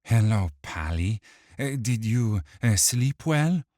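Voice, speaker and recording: A man's voice: fairly low pitch, expressive, slow pace, dark tone, dry recording, studio quality, voice pushed up. A man voicing a small, wiry male thief who taunts his captive in a mocking, sing-song way and hides a psychotic rage.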